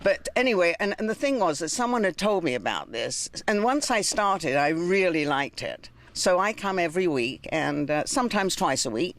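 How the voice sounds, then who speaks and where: A woman's voice: lowish voice, very animated, normal speed, few pauses. A woman with an English accent, a volunteer reader, answering a host's questions eagerly and often repeating herself. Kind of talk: casual interview chat.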